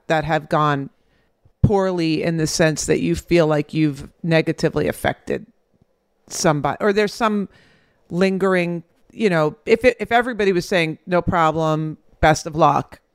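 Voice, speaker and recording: A woman therapist talks gently and reflectively. Her voice is gravelly but smooth and rather high. The sound is dry and close. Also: expressive, normal speed, dry recording. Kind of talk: counseling conversation.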